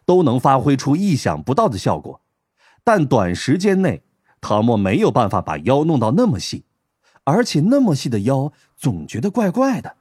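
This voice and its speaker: Husky-voiced guy reading an audiobook, very lively pitch, faint music behind. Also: no room sound, studio quality. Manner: expressive storytelling. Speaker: audiobook narrator. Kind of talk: scripted narration.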